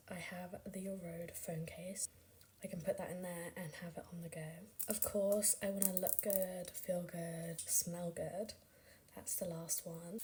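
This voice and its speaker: A young woman chatting through a lifestyle vlog voice-over, her lowish voice often sliding into a soft, breathy whisper. She sounds chatty and enthusiastic, full of casual fillers, with a faint hiss behind her. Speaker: beauty vlogger.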